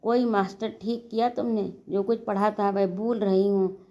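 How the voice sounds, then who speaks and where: A woman's voice: mid-range voice, fairly even intonation, a little slow, dark tone, dull audio, close to an everyday voice. A woman reading as a feverish delirious young woman. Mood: pleading.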